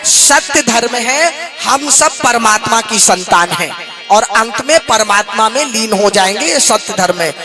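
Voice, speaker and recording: A man preaching a devotional sermon to a live audience, shifting from talk into slow, melodic chanting of Sanskrit verses and asking the listeners questions. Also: high voice, animated, music in the background. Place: hall with a seated audience.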